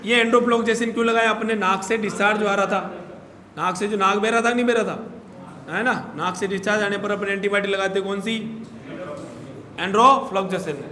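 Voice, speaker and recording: A man's voice: sits high, steady tone, moderate pace, pushed and bright. A man teaching a veterinary class, quizzing and scolding his students as he lectures. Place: large echoey classroom. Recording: echoey hall, long reverb.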